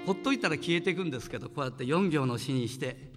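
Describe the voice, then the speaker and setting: A man in his sixties, a singer, telling a childhood story to children with lively acted-out voices. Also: a little high, quick pace, big-room sound, music in the background. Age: 60s.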